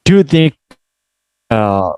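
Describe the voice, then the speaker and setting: A man who hosts a casual vlog interview, asking brief, halting questions. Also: medium pitch, big pitch swings, darkish tone, smooth, no room sound.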